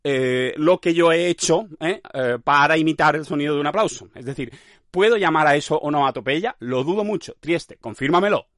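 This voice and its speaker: Man, podcast host, mock-pompous rambling, bit high voice, dry close sound. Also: normal speed, a bit bright, dry recording. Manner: mock-pompous, vehement, full of "¿eh?" tags. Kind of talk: rambling absurdist monologue.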